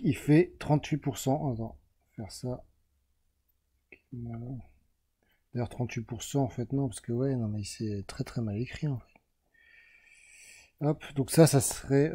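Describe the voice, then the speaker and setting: This French self-help video host has a very dark timbre and a medium pitch. While drawing a chart, he gives a casual explanatory monologue, rambling, correcting himself, and addressing the viewer as "tu."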